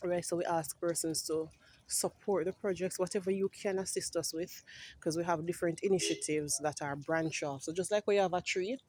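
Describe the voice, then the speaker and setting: A woman's voice: lowish voice, fairly even intonation, moderate pace, darkish tone, slight background noise. Passionate woman giving a greenhouse tour. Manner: passionate, often adds "right?"; clears her throat now and then. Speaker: farm project representative. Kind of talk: walking greenhouse tour talk. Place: inside a greenhouse.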